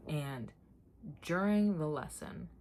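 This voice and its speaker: A young adult woman telling a personal story to viewers as a vlogger, in a casual, chatty, candid way with slangy, emphatic repetition and animated delivery. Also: sits low, slow pace.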